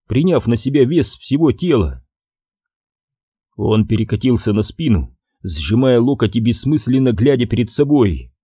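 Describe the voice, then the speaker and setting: A man narrating an audiobook in a measured, even storytelling manner. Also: medium pitch, breathy edge, no room sound, studio quality. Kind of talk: scripted narration.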